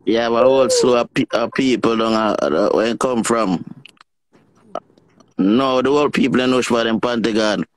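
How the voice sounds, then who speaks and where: A man's voice: medium pitch, moderate pace, slight background noise. A man hosting a casual live chat, joking and laughing often. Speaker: host. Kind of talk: casual banter on a live stream.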